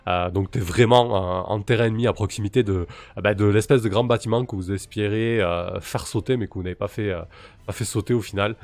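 A man's voice: lowish voice, fairly quick, a little mellow, dry recording. A man acting as game master of a tabletop role-playing game, reading out rules and working through them aloud with fillers. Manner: explains rules step by step, thinking aloud with fillers.

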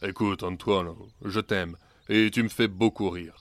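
A storybook ogre, played by the narrator with a low, stern voice. He scolds and warns, fond of the boy but out of patience. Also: steady tone, a little slow. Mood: stern warning. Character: fond but exasperated male ogre, part magician.

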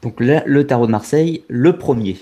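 A man's voice: medium pitch, moderate pace, mellow. A man hosting a casual interview, giving short prompts and asking clarifying questions. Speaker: host.

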